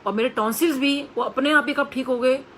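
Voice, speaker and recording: A woman's voice: high-pitched, brisk, fairly bright tone, slight background noise, rough recording. A woman telling an earnest personal testimony to a congregation, acting out the voices of the people she quotes. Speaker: devotee sharing a testimony.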